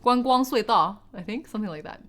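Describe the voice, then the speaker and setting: A woman's voice: a little high, animated, brisk, fairly bright tone. A woman in her late twenties, a streamer, chatting casually and rambling, giggling often and swearing offhand. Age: 20s. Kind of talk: casual chat with live chat.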